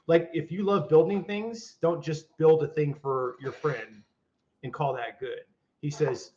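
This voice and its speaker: An older man co-hosting a podcast in casual chat, rambling with restarts and fillers. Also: medium pitch. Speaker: podcast co-host. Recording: dull lo-fi audio.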